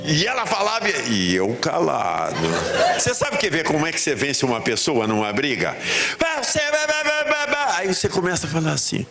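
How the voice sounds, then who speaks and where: A man with a Rio de Janeiro accent, a pastor preaching a sermon and telling funny stories. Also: medium pitch. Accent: Rio de Janeiro Portuguese. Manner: humorous storytelling, animated. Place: church hall. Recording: echoey church hall. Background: music.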